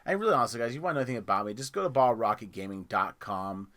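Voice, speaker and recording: A man's voice: lowish voice, lively intonation, racing, a bit bright. A man hosting a gaming community podcast, chatting casually, rambling and restarting his words as he plugs the show. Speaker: podcast host.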